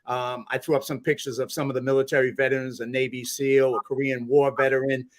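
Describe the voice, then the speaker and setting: A man's voice: medium pitch, flat delivery, quick pace. A man from the Bronx, hosting a podcast and putting questions to his guest in a conversational way. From New York (the Bronx). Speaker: podcast host. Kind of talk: interview questions.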